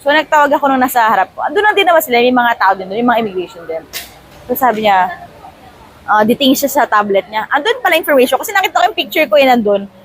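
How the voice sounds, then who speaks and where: A woman's voice: sits high, fast, rough recording. A woman in her thirties from the Philippines, a travel vlogger chatting casually and animatedly as she tells a story from an airport terminal. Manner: chatty, animated, mixes in English phrases.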